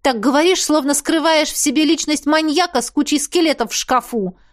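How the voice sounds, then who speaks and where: A woman voicing a fiery young heroine who is quick to anger, talking sharply and sarcastically. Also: sits high, lively intonation, voice pushed up. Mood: exasperated.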